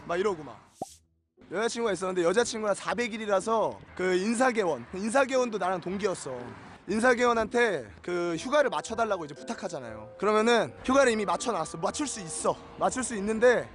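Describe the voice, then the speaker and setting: A young man in his twenties, a streamer telling a casual story and acting out the voices of the people he quotes. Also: high voice. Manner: animated, acts out quoted voices. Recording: music bed under voice.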